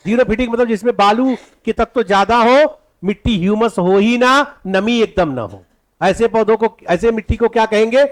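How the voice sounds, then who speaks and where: A male teacher giving an exam-prep lecture. He asks the class questions, answers them himself, and repeats key points slowly for note-taking. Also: high-pitched.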